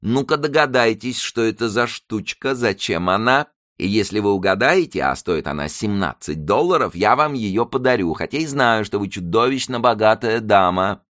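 A man's voice: fairly low pitch, lively intonation, normal speed, few pauses, a bit bright, no echo, clean studio sound, pitched above the performer's own voice. A man reading an audiobook, voicing a fussy, effeminate middle-aged shopkeeper in an affected manner. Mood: showing off.

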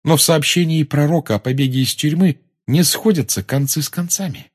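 A man reading an audiobook, voicing a clever, cool-headed schoolgirl who speaks calmly and pointedly. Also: a little high, brisk, breathy edge, voice pushed up. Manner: calm, pointed, sarcastic.

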